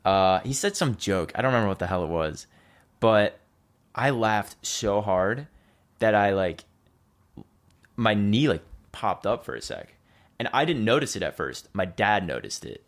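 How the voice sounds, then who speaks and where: A man's voice: lowish voice, big pitch swings, measured pace. A young man, a podcast guest, telling a personal story in a loose, chatty way and acting out what people said. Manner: loose and chatty, heavy on "like", acts out quoted lines. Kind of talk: casual storytelling conversation.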